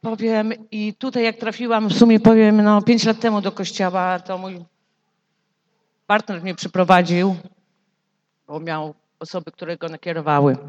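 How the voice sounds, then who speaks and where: Halting, emotional middle-aged woman testifying. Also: mid-range voice, level tone, darkish tone, highs cut off. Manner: halting, emotional, repeats phrases. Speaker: church member giving testimony. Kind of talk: personal testimony in church.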